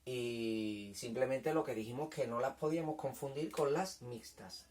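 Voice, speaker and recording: A man teaching a children's lesson in a patient, repetitive way, checking understanding often and sounding out syllables slowly. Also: mid-range voice, a little mellow, far from the mic, slight background noise. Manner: patient, repeats points, checks with "¿vale?". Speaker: primary school teacher. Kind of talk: recorded language lesson for children.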